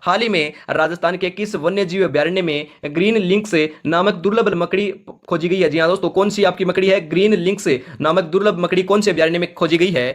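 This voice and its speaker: A man's voice: sits high, steady tone, quick pace, hardly any pauses. A male coaching teacher running an exam quiz lesson, who reads each question and its options, then stresses the answer and keeps telling viewers to remember it. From Rajasthan, India. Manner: addresses viewers as friends, urges them to remember. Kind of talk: current affairs quiz lesson.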